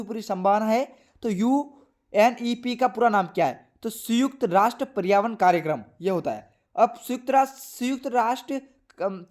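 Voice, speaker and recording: A young man teaching a class lesson, repeating each point and asking and answering his own questions. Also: high-pitched.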